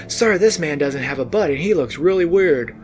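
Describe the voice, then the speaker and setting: A man doing a shrill, high counter lady. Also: expressive, normal speed, darkish tone, close to an everyday voice. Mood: alarmed. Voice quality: high, alarmed. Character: shrill young woman behind a donut counter.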